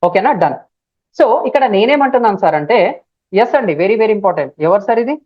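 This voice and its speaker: A woman with a Telugu accent teaching a live online class, speaking loudly and repeating key phrases, sometimes spelling words out letter by letter. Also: mid-range voice, expressive, a little fast, no room sound. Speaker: digital marketing trainer. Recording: dull, dry lo-fi stream audio.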